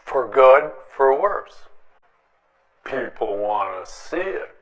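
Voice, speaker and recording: A man's voice: mid-range voice, sing-song, slow, a bit bright. Blunt, defiant man on a lo-fi broadcast. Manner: blunt, defiant, repeats himself for emphasis. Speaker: host of an opinion show on local public access. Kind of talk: opinionated monologue to camera.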